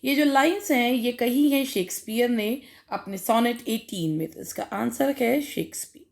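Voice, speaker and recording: A woman's voice: a little high, moderate pace, vocal fry. An Indian woman teaching English literature for an exam, reading each question aloud and then explaining it with frequent fillers. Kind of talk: exam-prep lecture.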